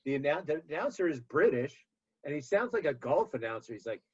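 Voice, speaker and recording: A man's voice: fairly high pitch, very animated, fairly quick, husky, muffled recording. A man hosting a casual movie rewatch podcast, rambling with many fillers and restarts. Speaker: podcast host.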